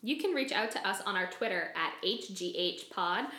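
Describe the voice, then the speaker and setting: A woman's voice: medium pitch, animated, normal speed, pushed and bright. A woman chats as a podcast co-host, her voice bouncing up and down with energy. She laughs often and swears casually, recorded in an echoey room. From Maine. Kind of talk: casual chat.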